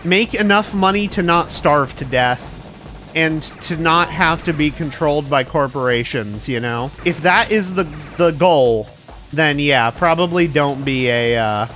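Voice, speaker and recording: A man's voice: fairly high pitch, a little slow, fairly bright tone. A young man chatting casually on a livestream, rambling earnestly and informally as a VTuber with some swearing. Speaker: VTuber streamer. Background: background music.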